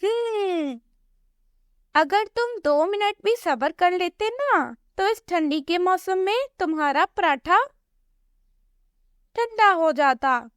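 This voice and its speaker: A woman's voice: very high-pitched, no room sound, clean studio sound, voice pushed up, full character voice. A woman voicing a cartoon parrot doctor who lectures and teases his patient. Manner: lecturing, teasing.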